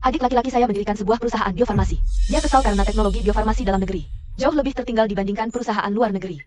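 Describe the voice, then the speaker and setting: A woman's voice: mid-range voice, very fast, a little mellow, soft background music, lightly acted. A woman dubbing a poised female lab chief and elder sister, speaking formally and composedly. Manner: formal, composed speech-giving. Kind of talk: dubbed drama.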